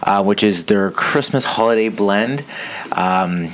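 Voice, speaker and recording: A podcast host in his thirties with a fairly low voice. He talks in a casual, conversational way, like he is chatting across a table. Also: takes it slowly. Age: 30s. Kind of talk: casual chat.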